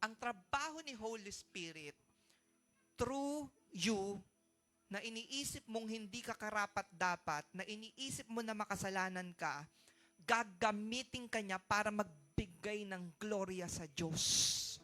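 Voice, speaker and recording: A man with a Filipino accent delivers a sermon in a church sanctuary, sharing his testimony and urging the congregation on. His voice is bright and forward, swinging from hushed storytelling to loud exhortation. Faint music plays behind him. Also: high-pitched, a little slow. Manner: switches between soft storytelling and loud exhortation, calls for amens. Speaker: pastor.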